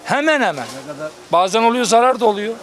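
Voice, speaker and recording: A man's voice: very high voice, animated, brisk, crowd noise. A man selling at an outdoor market, complaining insistently in a street interview. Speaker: market vendor. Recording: music and street market noise behind.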